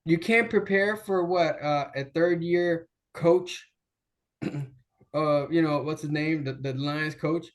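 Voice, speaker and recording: A man's voice: on the high side, steady tone, slow. A man co-hosting a casual sports debate from a video call, opinionated and rambling, restarting his sentences. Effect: remote voice over a video call. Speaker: sports show co-host. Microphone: laptop video call.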